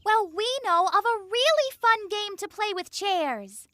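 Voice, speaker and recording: Heavily acted with lively intonation, this animated kids' cartoon dialogue features a high, bright, childlike voice playing an eager, friendly youngster who explains things simply. The pace is unhurried and there's no room sound.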